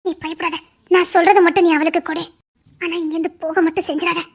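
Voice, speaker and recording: A woman's voice: very high voice, little pitch movement, quick pace. A woman voicing a grieving mother who lost her twin babies, speaking in an earnest, insistent and soothing way in an amateur audio drama.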